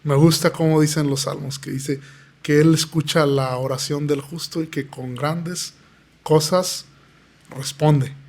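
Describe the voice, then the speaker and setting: A man's voice: fairly high pitch, steady tone, unhurried, a little mellow. A man, a pastor telling his testimony in an earnest, preaching tone. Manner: earnest, preaching tone, acts out quoted voices. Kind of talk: podcast interview testimony.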